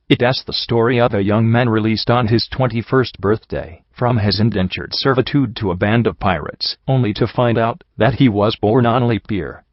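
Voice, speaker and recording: A man's voice: mid-range voice, no echo. A man narrating a scripted list of movie recommendations in a wry, playful, upbeat manner. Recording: dull, lo-fi dry sound.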